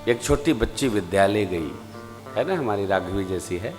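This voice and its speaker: A man giving a devotional sermon, storytelling and moving between sung lines and soft spoken teaching. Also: fairly low pitch, animated, moderate pace. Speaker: preacher. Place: large hall with an audience. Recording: reverberant hall, faint music.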